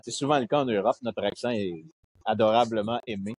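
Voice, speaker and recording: Husky Québécois man telling a story. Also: lowish voice, brisk, no room sound, studio quality. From Quebec. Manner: lively anecdote teller, slips into quoted voices. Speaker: podcast guest. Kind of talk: casual storytelling chat.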